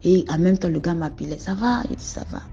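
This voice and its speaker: A woman's voice: on the low side, lively intonation, fairly quick, gravelly. A woman with a Cameroonian French accent tells a personal story in a casual, rambling way, often restarting her sentences. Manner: conversational, rambling with restarts and addressing the host. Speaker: caller telling a personal story. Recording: muffled lo-fi audio with music behind. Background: faint background music.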